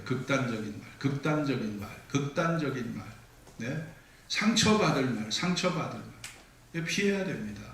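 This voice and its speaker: Pastor preaching in an echoey church. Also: male voice, a little high, a little hiss or hum. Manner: storytelling, acts out quoted dialogue. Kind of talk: sermon. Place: church sanctuary. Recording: echoey church hall, mic from a distance.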